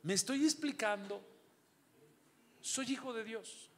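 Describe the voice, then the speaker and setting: A middle-aged man preaching a sermon in a church, throwing rhetorical questions at the congregation and swinging from loud calls to low asides. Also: slow, background noise. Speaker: pastor.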